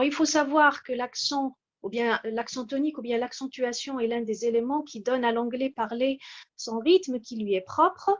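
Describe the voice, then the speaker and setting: A woman giving a measured, explanatory lecture from slides, pausing often with hesitations. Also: sits high, muffled recording. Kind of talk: slide-based lecture on word stress.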